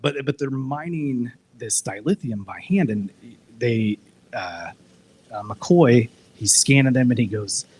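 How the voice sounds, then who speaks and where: A man's voice: medium pitch, animated, measured pace, darkish tone, slight background noise, rough recording. A man speaking casually at a live discussion event, retelling a TV episode with lots of restarts and filler words. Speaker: discussion panelist.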